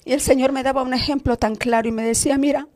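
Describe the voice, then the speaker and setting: Fervent high-voiced woman preacher. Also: steady tone, a little mellow, no room sound, clean studio sound. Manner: fervent, interjects hallelujahs; slow, emphatic delivery. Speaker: preacher giving testimony. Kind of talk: emotional testimony sermon.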